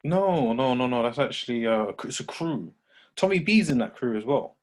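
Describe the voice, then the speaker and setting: A man's voice: medium pitch, expressive, moderate pace. A man talking casually about music, opinionated and full of slang. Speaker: radio station operator on a podcast.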